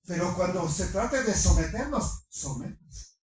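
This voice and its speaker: A middle-aged man preaching a sermon to his congregation, animated, firing rhetorical questions and slipping in humorous asides. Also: high-pitched, unhurried. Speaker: pastor. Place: large congregation hall. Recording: echoey hall from far off.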